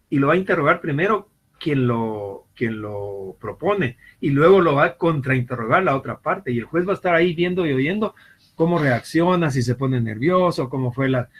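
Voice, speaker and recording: A law professor gives a university law lecture, in a classroom or an online class. His voice sits fairly high and sounds expressive, a bit bright and husky, at a normal speed, on a rough recording. He often repeats and restarts words, and he acts out small everyday scenes in quoted voices to make his points.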